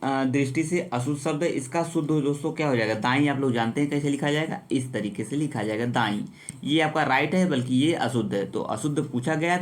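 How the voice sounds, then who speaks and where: Male exam-prep teacher, recorded quiz lesson, repetitive and chummy with viewers. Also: medium pitch. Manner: repetitive, addresses viewers as friends.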